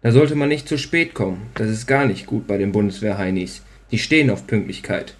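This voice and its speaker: A man's voice: lowish voice, a little fast. A man reading a story aloud in a dry, matter-of-fact way. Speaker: narrator. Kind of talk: scripted narration.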